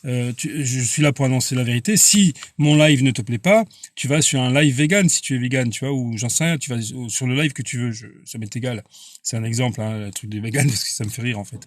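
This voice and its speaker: A man preaching casually on a live stream and answering viewers' comments, halting and repeating words, earnest and insistent. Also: mid-range voice, no room sound, studio quality.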